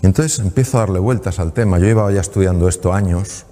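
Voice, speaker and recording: A doctor giving a motivational talk on stage into a microphone, telling a patient anecdote in a lively way and acting out the dialogue. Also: male voice, deep voice, quick pace, in a large hall, slight background noise. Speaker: doctor and speaker.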